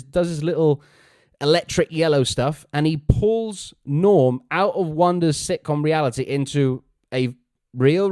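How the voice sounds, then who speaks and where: A man co-hosting a casual review podcast, animated and laughing as he acts out quotes. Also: a little high, no echo, studio quality. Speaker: podcast host.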